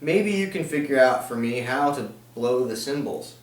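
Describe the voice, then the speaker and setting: A man's voice: medium pitch, lively intonation, normal speed. A man co-hosting a casual comic chat, reading out questions and playfully querying the answers. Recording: roomy, echoey, distant microphone.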